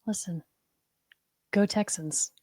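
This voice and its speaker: A woman with a mid-range voice co-hosts a relaxed sports podcast. She thinks out loud and agrees readily with her partner. Her voice is recorded close and dry, with no room sound. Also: mid-range voice, slow pace, no echo. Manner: conversational, agreeable, thinks aloud. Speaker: podcast co-host. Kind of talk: casual sports chat.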